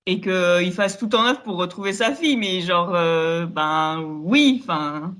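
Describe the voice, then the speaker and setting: A woman's voice: fairly low pitch, expressive, a little slow, fairly bright tone. A woman co-hosting a casual podcast, retelling scenes animatedly with frequent fillers. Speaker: podcast co-host. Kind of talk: casual chat.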